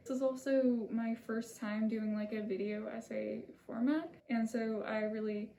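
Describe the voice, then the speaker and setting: Seated with a script and recorded on a camera mic, a woman hosting her own channel reads a video essay in a soft-spoken, earnest, apologetic way. Her first language isn't Italian. Her voice is on the high side and gravelly, with a steady tone, a slightly slow pace and slight background noise.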